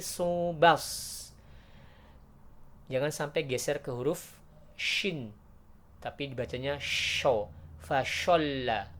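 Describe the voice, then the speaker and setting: A man teaching Quran recitation rules in a patient, explaining way, breaking into loud drawn-out chanted verses. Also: mid-range voice. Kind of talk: tajweed lesson with recited examples.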